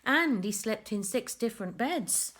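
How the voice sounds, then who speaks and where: Here a woman with a fairly high-pitched voice shares a picture book with young children. She lays on expressive, deliberate emphasis and pauses for chatty comments on the pictures.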